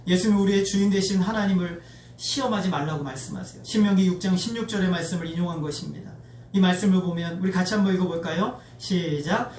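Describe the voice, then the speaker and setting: A man's voice: high voice, fast talker. A male pastor preaching a sermon and leading his congregation in call-and-response, recorded in a church sanctuary. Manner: leads the congregation in call-and-response, lively and expressive. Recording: echoey church recorded from a distance, faint noise.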